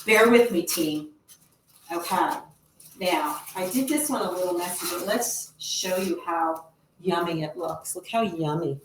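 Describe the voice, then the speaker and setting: A woman's voice: fairly low pitch, a little slow, noisy background. A woman hosting a casual live-stream, demonstrating grill products in chatty, upbeat sales talk. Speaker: host demonstrating promotional products. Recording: echoey room.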